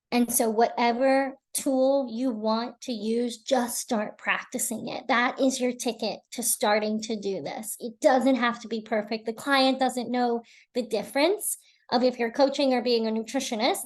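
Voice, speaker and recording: Woman presenter on a video call, slightly high-pitched, earnest and encouraging. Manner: earnest, encouraging, repeats words for emphasis. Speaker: webinar presenter. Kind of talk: live webinar presentation.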